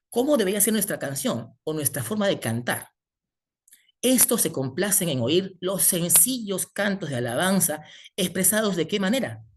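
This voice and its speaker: A man preaching a sermon, asking the congregation rhetorical questions as he teaches. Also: sits high.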